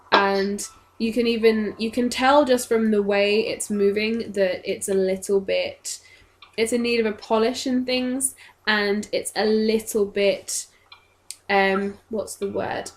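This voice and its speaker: Slow-talking woman game master. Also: mid-range voice, slight background noise. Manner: slow, descriptive, searching for words. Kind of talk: narrating a tabletop game.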